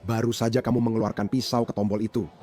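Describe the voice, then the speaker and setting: A man dubbing a bystander who excitedly recounts a fight to police in casual slang. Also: lowish voice, fast, soft background music, lightly acted. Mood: agitated. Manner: agitated, animated retelling with slang. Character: agitated man recounting a brawl. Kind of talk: dubbed bodycam account.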